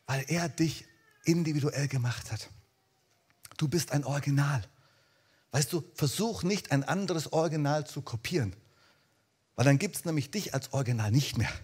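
A man with a fairly high voice preaches to a congregation in a church hall. He speaks to his listeners directly and with lots of energy, dropping to hushed, soft lines and then rising again to loud calls. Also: moderate pace, long pauses, husky. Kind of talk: lively sermon.

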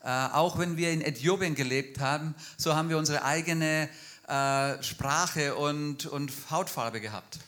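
A man interpreting a speaker line by line at a church, fluent and quick. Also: on the high side, a bit bright. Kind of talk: live consecutive interpreting in a church.

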